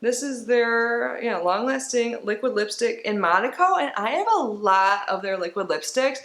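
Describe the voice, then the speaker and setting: Unboxing a beauty box, a woman with a medium-pitched, fairly bright voice chats along in a rambling way, punctuated by small laughs. She sounds stuffy and congested, and the room is audible along with faint background noise.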